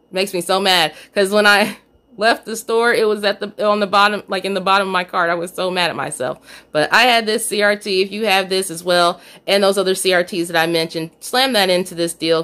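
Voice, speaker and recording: Lady chatting thru her coupon haul on phone, lowish voice, kinda mad at herself. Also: fairly bright tone. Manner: chatty, self-scolding about a missed coupon. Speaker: couponing vlogger. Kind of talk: casual haul walkthrough. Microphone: phone camera, off screen.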